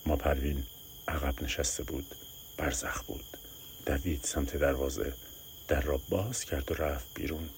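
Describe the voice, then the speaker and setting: Deep-voiced man reading a story aloud, steady and measured. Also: a little hiss or hum. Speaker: narrator. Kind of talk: storytelling narration.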